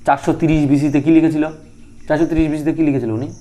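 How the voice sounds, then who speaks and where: A man's voice: a little high, fairly even intonation, racing, dark tone, slight background noise. A young man teaching a group study lesson, drilling names and making students repeat them. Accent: Bengali.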